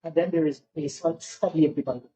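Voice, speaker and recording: A man's voice: fairly high pitch, steady tone, fast, dark tone, low-quality recording. A middle-aged man from Barbados, a podcast guest talking in a reflective, philosophical way in casual conversation.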